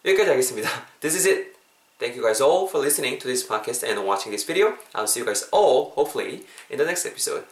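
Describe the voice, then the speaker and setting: A young man, hosting a podcast English lesson in a lively, chatty way and repeating phrases slowly for practice. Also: medium pitch. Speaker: English teacher and podcast host. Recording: roomy echo.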